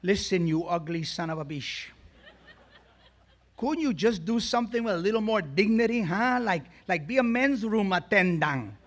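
A man's voice: high voice, expressive, normal speed. A man voicing a boastful, scolding middle-aged immigrant father. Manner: scolding, loud and exasperated.

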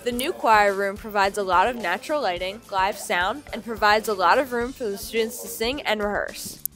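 A woman's voice: mid-range voice, moderate pace, fairly bright tone, faint music behind. Student woman reading news voice-over. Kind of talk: scripted narration.

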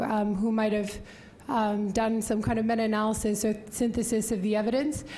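A woman's voice: fairly high pitch, warm tone, slight background noise. A young woman speaking as a journalist on a panel, conversational with frequent fillers, at a table microphone in a wood-panelled hall. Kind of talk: panel discussion remarks.

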